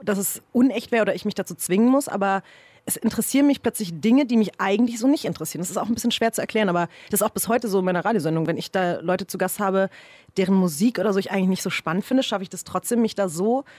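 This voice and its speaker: Hungover woman, rapid chatty talk, dry close sound, casual podcast guest. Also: medium pitch, a little mellow, no echo. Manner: fast, chatty and self-deprecating. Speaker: guest, radio host.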